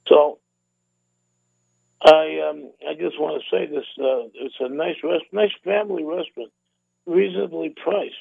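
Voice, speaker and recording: A man's voice: fairly high pitch, steady tone, a little slow, vocal fry, long pauses, no echo. A man from the Boston area hosting a radio show, chatting casually in a rambling way with repeated words and restarts. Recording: narrow phone-like radio sound, dry.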